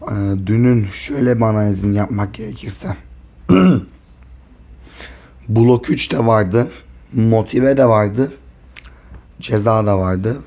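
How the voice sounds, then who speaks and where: Hoarse man vlogging softly. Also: fairly low pitch, lively intonation, slow pace, pauses often. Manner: rambling, talks softly to spare his voice. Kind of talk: casual vlog chat to camera.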